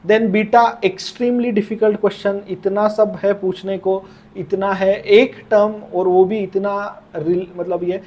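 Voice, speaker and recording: A man's voice: high-pitched, warm tone. A man explaining exam answers as a coach, hesitant and thinking aloud with many fillers, mixing Hindi and English.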